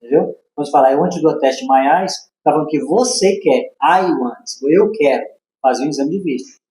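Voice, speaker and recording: A man's voice: fairly high pitch, a little fast. A man with a Brazilian Portuguese accent telling a story as a podcast guest, acting out the dialogue with laughs. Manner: animated, acts out dialogue with laughs. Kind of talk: casual storytelling. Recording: echoey room.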